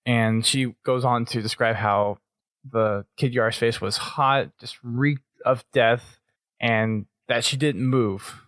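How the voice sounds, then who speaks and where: A man co-hosting a podcast, recapping an episode in casual talk, often pausing and restarting his sentences. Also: medium pitch, fairly even intonation, fairly bright tone, no echo. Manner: halting, restarts often while summarizing. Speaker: podcast co-host.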